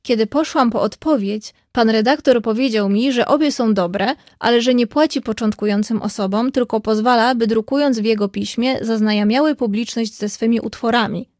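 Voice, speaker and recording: A woman's voice: fairly high pitch, normal speed, hardly any pauses, a little mellow, no echo, clean studio sound, close to an everyday voice. A woman voicing a spirited young woman telling her news eagerly.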